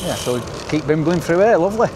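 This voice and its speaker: He talks fast and animatedly in a slightly high voice. A middle-aged cycling vlogger from northern England, he offers chatty, informal commentary from his bike, bright as a travel show host, while wind and traffic make the outdoor audio noisy.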